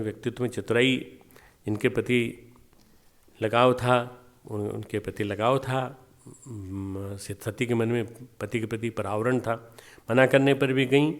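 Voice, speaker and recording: A man giving a devotional meditation class as a spiritual teacher, telling stories and repeating phrases for emphasis. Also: lowish voice.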